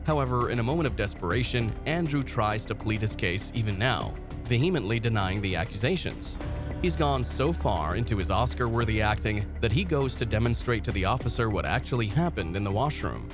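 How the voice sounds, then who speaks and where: A man's voice: on the low side, lively intonation, a little fast. A man narrating true-crime cases in a grave, scripted delivery. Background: background music.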